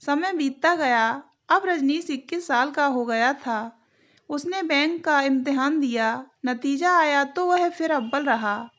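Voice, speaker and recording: A woman narrating a moral story in an even, deliberate reading voice. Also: high-pitched. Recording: dull lo-fi recording.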